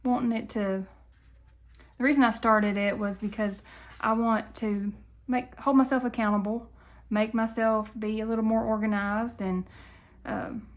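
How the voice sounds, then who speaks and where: A woman with a fairly high voice and a country Appalachian accent from Tennessee. She talks in a folksy, chatty way, like a video host casually addressing her viewers. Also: fairly even intonation, measured pace. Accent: country Appalachian Southern US, Tennessee. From Tennessee, southern US.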